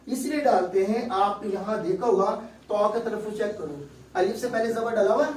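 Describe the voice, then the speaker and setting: A man's voice: high-pitched, normal speed, a little mellow, roomy sound, far from the mic, a little hiss or hum, poor audio. A male teacher giving a classroom lesson on Quran recitation, explaining step by step and quizzing his students.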